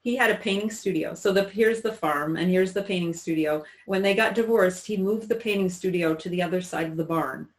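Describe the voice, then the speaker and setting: Reflective woman in her sixties, halting. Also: on the low side, low-quality recording. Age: 60s. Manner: halting, reflective, many restarts. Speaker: interview guest. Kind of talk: personal recollection in conversation.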